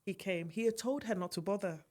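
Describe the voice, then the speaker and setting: A woman who works as a midwife, speaking in an earnest, measured way as an interview guest recounting her work. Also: mid-range voice, darkish tone. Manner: measured, earnest, occasionally laughing. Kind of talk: conversational interview storytelling.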